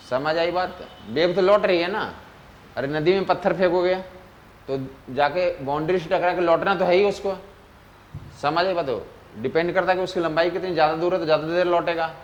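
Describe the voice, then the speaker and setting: Man, physics teacher, casual lecture, slightly high voice, faint hiss behind. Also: muffled recording. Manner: keeps asking students if they follow; mixes Hindi with English terms.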